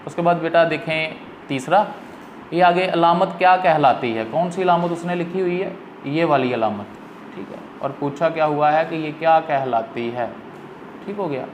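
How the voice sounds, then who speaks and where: A man's voice: fairly high pitch, normal speed. A male teacher who gives a patient, fatherly exam-prep lecture and calls his students "beta". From Pakistan. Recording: echoey room with faint noise.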